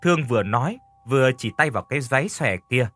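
A man narrating a spooky story in a scripted, expressive storytelling style. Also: medium pitch, fast talker, no room sound, faint music behind. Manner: expressive, voices characters lightly.

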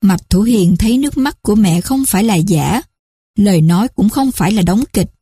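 A woman narrating a story in a steady, measured reading. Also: medium pitch, slightly rough, dry recording, studio quality.

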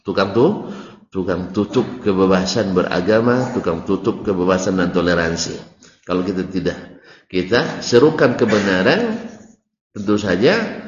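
A man with a Malay accent giving a religious study lecture, animated and teasing, his voice jumping high on key words. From Malay region of Indonesia. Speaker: preacher teaching a classical text. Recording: roomy dull hall recording.

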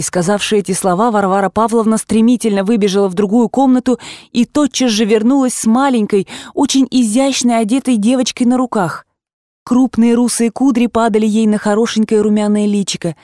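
A woman narrating a classic novel as an audiobook in a measured, even storytelling manner. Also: on the high side, no room sound, clean studio sound. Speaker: audiobook reader.

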